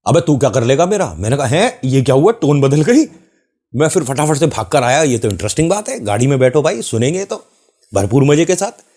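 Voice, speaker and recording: A man hosts his own channel, telling a story in a chatty, animated way. He acts out the lines of the people he quotes. His pitch sits in an ordinary middle range. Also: a little fast. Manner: animated retelling, acting out quoted voices. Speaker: YouTube channel host. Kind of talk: casual storytelling monologue.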